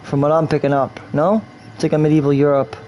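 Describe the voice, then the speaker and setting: Fast but flat in delivery, this New Yorker's fairly high, slightly mellow voice carries his rambling game stream commentary. He keeps repeating himself and slips into a fake English accent now and then, with slight background noise in the recording.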